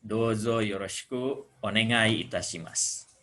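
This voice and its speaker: A man from Indonesia teaching Japanese greetings, patiently explaining and slowly repeating each phrase. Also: lowish voice, sharp tone. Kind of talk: classroom explanation.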